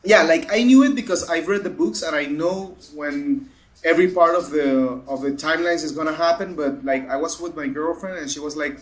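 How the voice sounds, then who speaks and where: A man's voice: on the high side, brisk. A man appearing as a podcast guest, chatting casually with friends and often stopping to restart. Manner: hesitant, full of restarts and fillers. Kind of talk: casual chat among friends.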